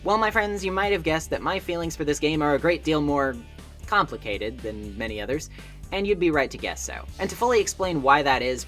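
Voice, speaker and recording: Her voice sits low but carries a fairly bright tone as she reads a scripted video essay. This game reviewer and video essayist keeps things wry, conversational and articulate, with music playing underneath.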